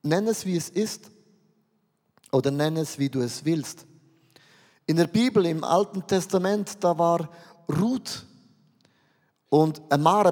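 High-voiced preacher in a reverberant hall. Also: male voice, a little mellow. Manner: emphatic, addresses listeners directly with questions. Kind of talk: sermon.

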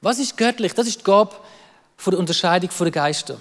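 A man with a Swiss German accent preaching a lively sermon, acting out quoted voices and repeating words as he goes. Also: high voice, a little fast, big-room sound. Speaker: pastor.

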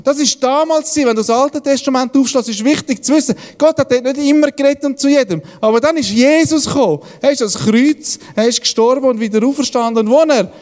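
A high-pitched man speaks as a pastor in a relaxed devotional style. He tells homely anecdotes, chuckles easily and acts out other people's lines. His voice trails into a long reverb. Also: fast talker, hardly any pauses. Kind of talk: casual devotional talk.

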